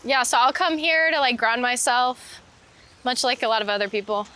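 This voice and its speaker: This street photographer and painter, a woman being interviewed on a walk through a city park, talks at a normal speed in a high, bright, forceful voice. Her reflective chat is casual and meandering, with frequent uses of "like."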